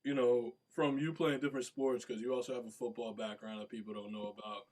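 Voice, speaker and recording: A man's voice: mid-range voice, level tone, a little fast, a little mellow. A man hosting a casual sports interview, friendly and full of slang. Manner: hype, slangy, friendly, repeats "atta boy".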